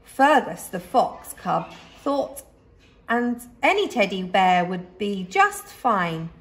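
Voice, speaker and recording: In a mid-range, sing-song voice, a woman performs a children's story like a teacher would, leaning on emphasis and dramatic pauses to bring it to life.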